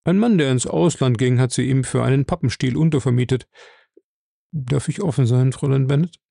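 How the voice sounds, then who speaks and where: A man reading aloud and voicing a calm, stout, middle-aged office manager who speaks in a measured, confiding way. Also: medium pitch, gravelly, dry recording, studio quality.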